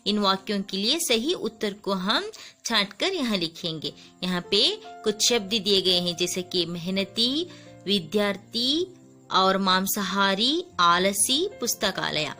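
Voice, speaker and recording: Lady teacher going real slow over a worksheet for kids, bright clear voice, soft music under it. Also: mid-range voice. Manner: patient, repeats words and sounds them out; mixes in English glosses. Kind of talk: slow classroom lesson for children.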